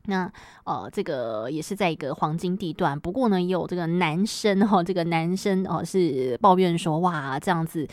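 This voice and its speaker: Taiwanese-accented woman radio host, lowish voice. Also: normal speed, darkish tone, no room sound, studio quality. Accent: Taiwanese Mandarin. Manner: frequent sentence-final particles and filler tags. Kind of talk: chatty radio programme presenting.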